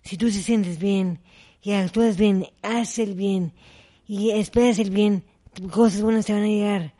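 This interview guest, a middle-aged woman, recounts personal anecdotes with animation, voicing the other people's lines herself. Her medium-pitched delivery runs a little slow.

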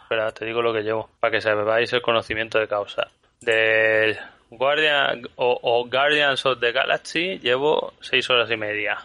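A man's voice: medium pitch, steady tone, moderate pace, pushed and bright, dry recording. A man co-hosting a podcast, chatting casually in a jokey way. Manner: jokey, laughs easily. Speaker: podcast co-host. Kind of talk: casual chat.

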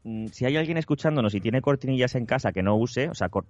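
A man's voice: mid-range voice, lively intonation, quick pace, darkish tone, slight background noise. A man with a Spain Spanish accent, co-hosting a podcast with playful, rambling jokes. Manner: playful, jokey, rambling riffs. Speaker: podcast co-host. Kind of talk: casual comedic chat. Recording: dull, dry lo-fi sound.

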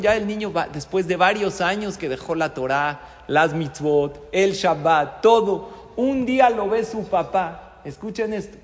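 A middle-aged man, a rabbi, gives a sermon in a synagogue, telling a story with lots of rhetorical questions. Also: a little high. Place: synagogue study hall. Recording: long reverb in a hall.

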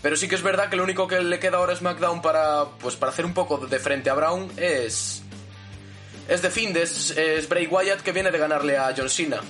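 Bright, high-voiced man hosting wrestling commentary. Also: fairly quick. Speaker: podcast host. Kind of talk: conversational wrestling podcast commentary. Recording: music bed behind the voice. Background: guitar music.

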